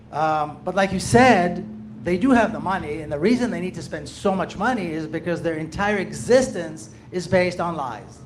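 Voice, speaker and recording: A man's voice: on the high side, a little hiss or hum. A man from Jerusalem, speaking up from the audience in an earnest, emphatic way, often repeating his phrases. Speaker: audience member, activist. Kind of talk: impassioned public comment.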